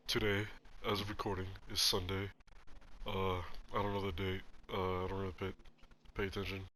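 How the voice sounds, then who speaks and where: A man's voice: deep voice, level tone, moderate pace, pushed and bright, slight background noise. A young man hosting a podcast in casual mukbang chat, sniffling and talking while he slurps noodles. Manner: chatty, talks while eating and slurping noodles. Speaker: podcast host.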